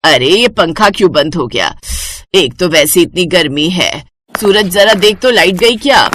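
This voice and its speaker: A woman voicing a stingy elderly mother-in-law in a storybook tale, in a lower, complaining voice. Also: lively intonation, unhurried, a bit bright. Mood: exasperated. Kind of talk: storybook voice acting.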